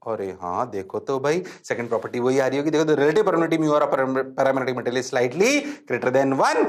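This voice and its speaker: A man teaching physics in a lecture, mixing Hindi and English, often asking his class whether things are clear and telling them to write quickly. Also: mid-range voice. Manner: asks students frequent check questions, urges them to write fast.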